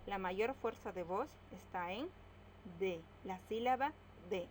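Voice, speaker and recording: A woman's voice: medium pitch, a little hiss or hum, rough recording. Woman teacher sounding out syllables. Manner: slow, stresses syllables while spelling words out. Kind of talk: explaining a grammar lesson.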